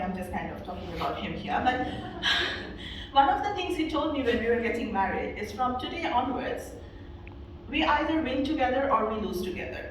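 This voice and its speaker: A woman's voice: high-pitched, distant mic, slight background noise. Woman speaking in an echoey hall. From Bangladesh. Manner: earnest storytelling with frequent "you know" fillers. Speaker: guest speaker. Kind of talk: motivational speech. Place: event hall.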